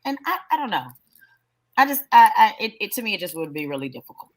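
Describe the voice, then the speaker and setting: A woman's voice: medium pitch, very animated, fast talker. A woman in a casual talk show, making emphatic points and asking pointed questions. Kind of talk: casual chat.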